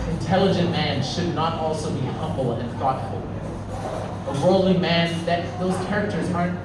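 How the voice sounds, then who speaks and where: Echoey, distant young man giving a wedding speech. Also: medium pitch. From South Africa. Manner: earnest, addressing people directly by name. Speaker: best man. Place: large reverberant room, recorded from afar. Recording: distant mic, echoey hall, loud background noise.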